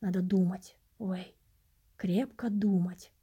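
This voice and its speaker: A calm, wise vagrant mentor, read by a woman in an audiobook, speaks in a measured, instructive way. The voice is soft and mellow. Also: medium pitch, slightly rough. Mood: reflective. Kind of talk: audiobook reading.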